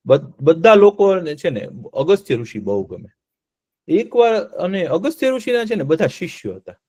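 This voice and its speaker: A high-pitched man tells a story to a group of children. He keeps stopping to ask them questions and then repeats the answers in a playful, lively way. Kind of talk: interactive storytelling lesson for children.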